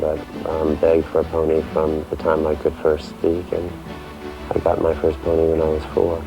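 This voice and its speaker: Man, extremely deep voice, flat delivery, earnest, dull lo-fi recording. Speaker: horse rider. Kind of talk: documentary interview.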